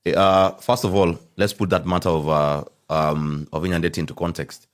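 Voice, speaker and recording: A man's voice: low voice, level tone, normal speed. A young man with a Kenyan accent in a casual panel discussion, explaining his reasoning point by point. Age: young adult. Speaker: panelist rating politicians.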